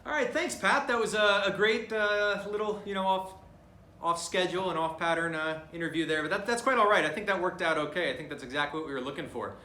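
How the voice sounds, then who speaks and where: A man hosting a comic mock sports show, halting and self-deprecating with many fillers, in an echoey room. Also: high-pitched, pushed and bright. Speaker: host.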